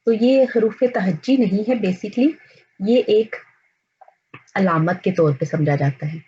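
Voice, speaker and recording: A woman teaching the alphabet, naming each letter and its sound slowly and deliberately. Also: mid-range voice, dark tone, muffled recording, slight background noise. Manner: slow, deliberate, spells out letters and sounds one by one. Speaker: language teacher. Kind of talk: slow alphabet lesson.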